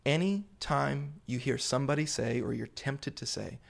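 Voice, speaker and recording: Gravelly-voiced male preacher, deliberate and emphatic. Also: medium pitch. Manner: deliberate phrasing with emphatic pauses and repetition; rhetorical questions put to listeners. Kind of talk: sermon, Bible exposition to a congregation.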